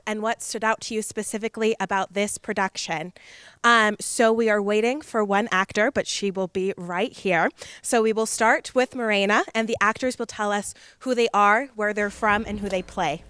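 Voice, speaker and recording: A woman's voice: a little high, fairly bright tone, clear, resonant tone, no echo, studio quality. A woman, the company manager, moderating a post-show question-and-answer session in a friendly, organized way.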